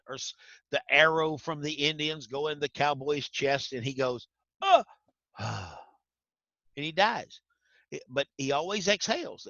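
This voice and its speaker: Bright-voiced man teaching class. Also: on the high side, dry recording, muffled recording. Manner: folksy, quizzes students by name. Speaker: instructor.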